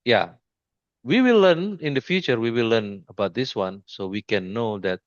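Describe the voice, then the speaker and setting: A man giving an informal screen-share trading lesson, speaking haltingly with many restarts and repeated pointers to the chart. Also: mid-range voice, lively intonation, dry recording, muffled recording. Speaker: trading mentor.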